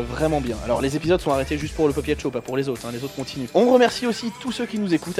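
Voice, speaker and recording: Guy hosting a podcast, casual and thankful, bit high voice, music behind. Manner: chatty, thankful, loose with fillers. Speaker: podcast host. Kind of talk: casual podcast audio fiction and outro.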